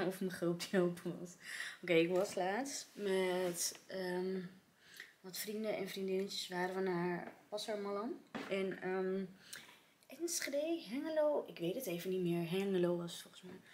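A woman's voice: medium pitch, measured pace, darkish tone. A young woman vlogs casually from her office, talking in a chatty way with plenty of fillers. She sometimes drops to a near whisper. A faint hiss sits behind her voice. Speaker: vlogger. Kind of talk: casual vlog chat and storytime.

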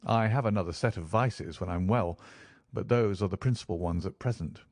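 A man's voice: on the low side, brisk, a little mellow, no echo, clean studio sound, lightly acted. A man voicing an affable, curious former army doctor, frank and inquisitive, in audiobook dialogue. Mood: frank, amiable.

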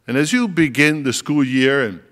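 A man's voice: medium pitch, expressive, a bit bright. Older man preaching informally in an echoing hall. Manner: halting, reflective, conversational. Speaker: priest giving homily. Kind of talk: informal homily. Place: stage of a school auditorium. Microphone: podium gooseneck microphone. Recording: long reverb of a large hall.

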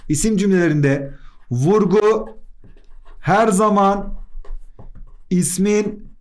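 A man teaching an exam-prep grammar lesson. He quizzes himself in quick question-and-answer steps and drops playful asides. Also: sits high.

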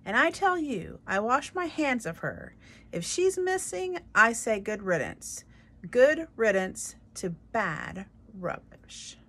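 A woman reading a storybook aloud, voicing a grumpy kitchen worker who shouts scornfully about someone being gone. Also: on the high side, very animated, slow pace, husky, pitched above the performer's own voice, heavily acted. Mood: scornful shouting.

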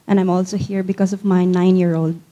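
A woman's voice: lowish voice, flat delivery, fairly quick, mellow, dull audio. A woman from the Philippines introducing herself from the audience in a large conference hall. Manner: brief self-introduction. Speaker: audience member.

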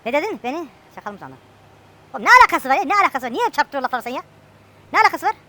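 A woman's voice: sits high, sing-song, rapid-fire, pushed and bright. A woman chatting casually and joking with a friend while playing a farming game. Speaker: gameplay streamer.

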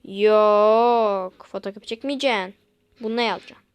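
A woman's voice: mid-range voice, moderate pace, clean tone, dry recording, lightly acted. Woman playing a bossy female office boss. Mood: stern. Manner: bossy, curt orders.

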